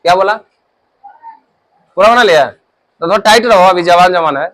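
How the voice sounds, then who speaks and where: A man's voice: high voice, normal speed, fairly bright tone. A man teaching math to a classroom in a Bihari Hindi accent, quizzing pupils and scolding them. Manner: scolding, drills pupils with call-and-response questions.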